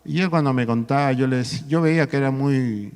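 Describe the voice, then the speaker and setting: A man's voice: mid-range voice, fairly quick, a little mellow, clear, resonant tone. A man preaching a sermon, exhorting his listeners as brothers and tagging his points with questions. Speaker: pastor. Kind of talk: sermon at a marriage workshop. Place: church hall. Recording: long hall reverb.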